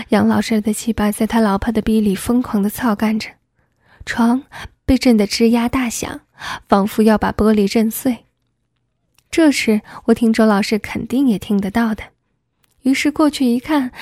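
Husky woman reading a story aloud. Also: a little high, moderate pace, darkish tone, dry recording, clean studio sound.

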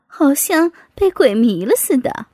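A woman voicing a blunt, hot-tempered sworn brother in a storybook, speaking loudly and roughly. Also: sits high, sing-song, a little slow, no echo, clean studio sound. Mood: blustering. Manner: loud, blustering.

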